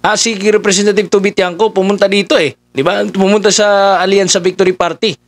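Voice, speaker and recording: A man's voice: high-pitched, flat delivery, a little fast, no room sound. A man giving casual political commentary, talking conversationally with many fillers as he addresses his listeners.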